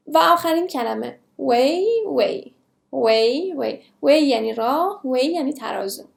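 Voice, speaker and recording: High-voiced woman teaching English words. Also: vocal fry, roomy sound. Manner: slow, careful word repetition. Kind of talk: language lesson.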